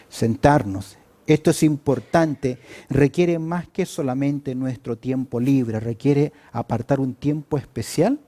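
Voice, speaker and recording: A male pastor preaching a sermon, often asking questions and answering them himself, with sudden loud emphasis. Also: fairly high pitch. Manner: rhetorical questions answered himself, frequent fillers.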